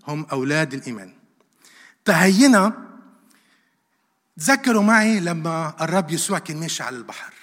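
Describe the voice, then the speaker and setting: A man's voice: fairly high pitch, a bit bright. A man preaching a sermon, asking rhetorical questions and repeating verses for emphasis. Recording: long hall reverb.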